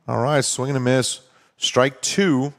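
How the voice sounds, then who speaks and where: A man calling a baseball game play-by-play, talking steadily and conversationally and explaining strategy between pitches. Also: steady tone, slow. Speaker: play-by-play announcer. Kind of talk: baseball commentary.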